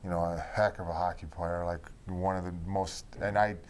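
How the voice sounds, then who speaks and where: Smooth-voiced man reminiscing about hockey. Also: sits low, moderate pace. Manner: relaxed, many "you know" fillers. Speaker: former hockey player. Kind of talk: reminiscing conversation.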